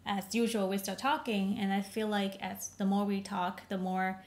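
Vietnam-born woman, earnest and halting. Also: medium pitch, flat delivery. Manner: warm, earnest, slightly halting phrasing. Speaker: podcast co-host. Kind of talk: casual chat.

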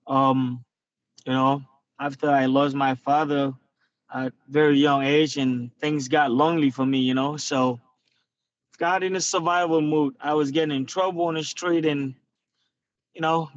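On a video call from his parked car, a Nigerian guest fighter in his twenties answers casual interview questions earnestly and reflectively, using lots of fillers. His voice is on the high side, and the phone camera audio sounds dull and lo-fi.

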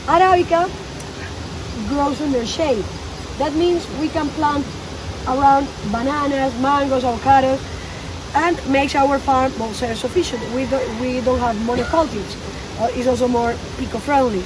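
A woman in her thirties with a Colombian Spanish accent, explaining coffee growing as a farm tour guide outdoors, in animated, non-native English. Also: sits high, moderate pace. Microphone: phone camera a few meters away. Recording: noisy outdoor phone recording.

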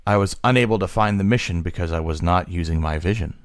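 A man, a podcast co-host, reading a short science-fiction story aloud at a slow, measured pace, sometimes stumbling over a word. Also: low-pitched, no echo, clean studio sound.

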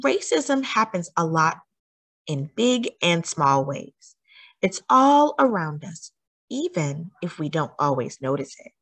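A woman reads a picture book aloud as a children's story time host, her lowish voice sing-song and fairly bright with a breathy edge. She gives deliberate, teacherly emphasis and asks the young listeners questions.

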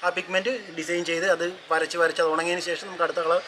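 Guy in his 30s explaining his boats really fast, high pitched, lots of outdoor noise behind. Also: flat delivery. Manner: earnest, explains at length with many restarts. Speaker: boat maker. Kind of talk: casual explanatory interview. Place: outdoor yard among boats.

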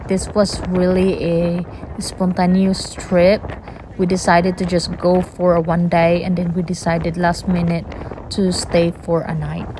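A woman in her thirties with a Filipino accent narrates her travel vlog at an unhurried pace. She talks in a chatty, plain way with small slips in her English. Car and wind noise sit clearly behind her phone-recorded voice. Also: on the low side. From Philippines. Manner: chatty, simple phrasing with small grammar slips. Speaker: vlogger. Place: outdoors, in a car and on a windy beach.

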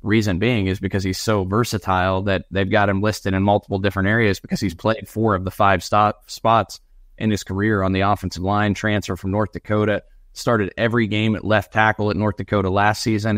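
A man's voice: lowish voice, brisk, no room sound, clean studio sound. A man co-hosting a sports podcast, listing football stats in casual analysis. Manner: reels off stats in a steady run.

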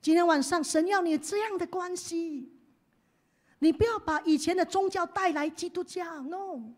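Woman pastor, high voice, sermon that swings from hushed to loud. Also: moderate pace. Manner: leads the congregation in call-and-response, swings from hushed to loud.

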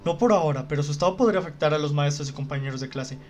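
A man's voice: a little high, rapid-fire, a little mellow, faint music behind, natural voice. A man voicing an arrogant, tall, thin older female teacher in a visual novel game, speaking in a stiff, scolding way. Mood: stern.

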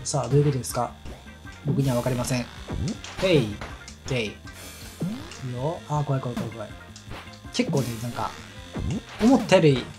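A man with a Kansai accent rattles on quickly in casual chat while playing a game. His talk is a rambling, chatty stream of stories. Game music plays clearly behind him. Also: mid-range voice. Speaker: let's play commentator. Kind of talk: casual chat over gameplay.

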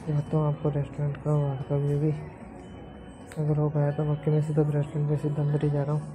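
A young man with a Haryanvi accent talks informally to his phone camera, calling his viewers "guys". His voice sits a little high in pitch and stays fairly flat in melody. Loud music plays under him throughout. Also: fast talker. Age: young adult. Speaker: vlogger. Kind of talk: casual vlog narration to camera. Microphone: phone selfie camera at arm's length.

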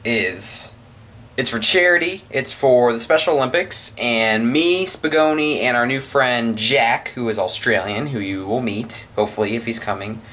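A man's voice: mid-range voice, normal speed, bright, forceful tone, slight background noise. A young man vlogging casually outdoors in winter, rambling and joking with a laugh never far off, recorded on a handheld camera. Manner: jokey, rambling, laughs easily. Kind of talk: casual vlog chat. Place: outdoors in snowy winter weather and by a car.

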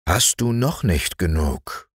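A kindly old moon in a bedtime storybook, speaking low and patient with a gentle, chiding tone, as a male narrator puts him on. The voice is deep and unhurried, in a dry, close recording. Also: sing-song, breathy edge, dry recording, heavily acted. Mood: mild.

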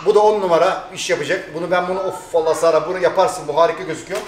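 Thracian Turkish man, excitable vlog host, quick patter, echoey room with music behind. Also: fairly high pitch, noisy background. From Turkey. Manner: excited, chatty, laughing often. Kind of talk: casual vlog chat.

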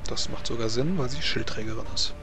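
A man with a mid-range voice, speaking a little fast, runs a tabletop role-playing game as game master. He narrates casually and hesitantly, thinking aloud, with music playing behind his voice.

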